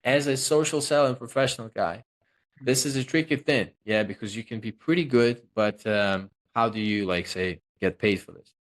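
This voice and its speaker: A Russian man appears as a guest in a casual interview, working as a social selling consultant. He talks loosely and jokingly, promotes himself, and uses lots of fillers, in a medium-pitched voice at a moderate pace.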